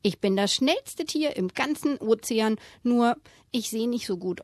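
A woman's voice: a little high, expressive, unhurried, a little mellow, dry recording, clean studio sound. A woman reading aloud and voicing a sulky, near-blind male racing seahorse in a children's storybook. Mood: indignant.

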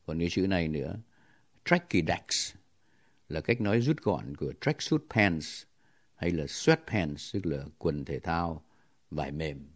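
Deep-voiced man teaching slow and patiently. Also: expressive. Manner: patient, spells words letter by letter; pauses with thinking fillers. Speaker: English teacher. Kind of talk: explaining language on a radio lesson.

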